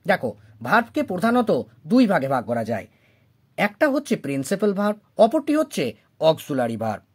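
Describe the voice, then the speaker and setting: A woman's voice: on the low side, huge pitch swings, normal speed, slightly rough. Woman teacher walking students through grammar rules, patient, points at examples, voice rises and falls a lot. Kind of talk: explaining lesson in Bengali.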